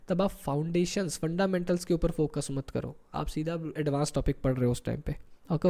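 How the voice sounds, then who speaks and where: Man, 30s, casual tutorial talker, warm mellow tone, keeps asking "okay?". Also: fairly high pitch. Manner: chatty, keeps checking in with "okay?". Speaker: career coach YouTuber. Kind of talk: casual Hinglish tutorial talk.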